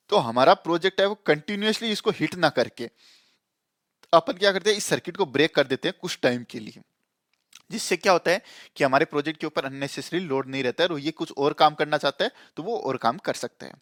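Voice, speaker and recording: In a relaxed, explanatory coding lesson, a tutor restates key ideas and keeps asking whether the listener understands. He speaks briskly in a slightly high voice, and the close, dry recording has no echo.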